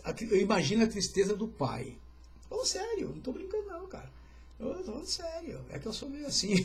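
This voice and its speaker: A pastor with a high voice leads an informal livestreamed Bible study, keeping it chatty with joking asides and greetings to viewers.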